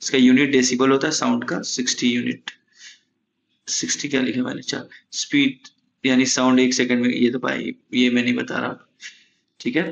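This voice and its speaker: A man's voice: medium pitch, completely flat delivery, normal speed, vocal fry, a bit bright, slight background noise. A man teaching an exam coaching lesson in a casual mix of Hindi and English, often checking in with listeners. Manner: chatty, repeats "ठीक है?" to check in. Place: room at home, AC running.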